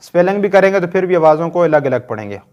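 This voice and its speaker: A man's voice: high voice, expressive, fast, darkish tone, clean tone, dull audio. A man with a Pakistani Urdu accent teaching Quran reading in a recorded lesson, patiently drilling short sounds one by one and checking that learners follow.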